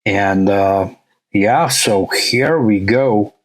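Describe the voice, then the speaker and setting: Talking over a shared screen for his channel, a middle-aged man from Latvia speaks English, which is his third language, in a loose, vlog-style ramble. Fillers like "uh" and "you know" crop up constantly. His voice is lowish and very slow.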